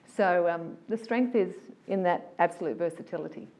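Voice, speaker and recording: A woman, a voiceover artist telling stories about her career in a casual, animated, enthusiastic interview. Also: lowish voice, moderate pace.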